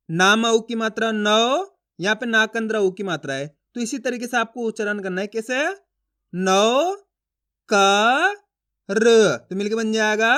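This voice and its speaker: A man teaching Hindi reading, slowly sounding out syllables and often asking the viewer if it is clear. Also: high voice. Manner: stretches syllables, calls out sounds loudly while sounding out words; asks the viewer frequent check questions. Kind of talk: slow step-by-step classroom instruction.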